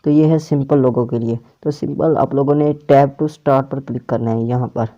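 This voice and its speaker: A tutorial host walks through an app step by step in a casual way, often repeating and rephrasing his instructions. His mid-range voice is steady, dark and moderately paced, recorded on a clip-on or plugged-in mic that sounds dull, muffled and lo-fi.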